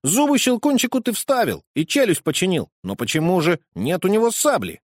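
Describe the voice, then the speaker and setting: A man voicing an excitable, loud little boy in a storybook, high and eager. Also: fairly quick, no room sound, clean studio sound. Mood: excited.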